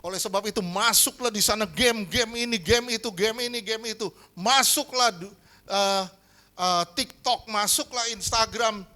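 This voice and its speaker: A male pastor preaching a lively sermon, often asking the congregation whether they agree. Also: sits high, normal speed. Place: church hall.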